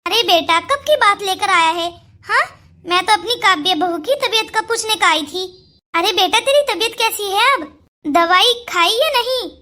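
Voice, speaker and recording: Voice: very high-pitched, animated, normal speed, bright, forceful tone, heavily acted. A performer voicing a sly, bossy older mother-in-law in a Hindi cartoon story, scolding and plotting. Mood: dismissive.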